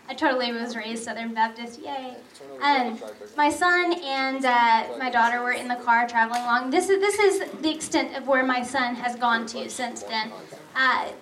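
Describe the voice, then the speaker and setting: A woman in her thirties doing a stand-up comedy set in a brash, sarcastic way with quick punchlines. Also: a little high, fairly bright tone. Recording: echoey room, far from mic.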